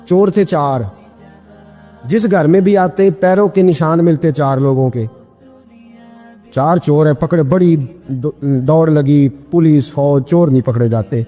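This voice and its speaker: A man from Pakistan preaching a storytelling sermon, emphatic, his voice climbing high at emotional peaks. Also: dark tone. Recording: long hall reverb with music behind.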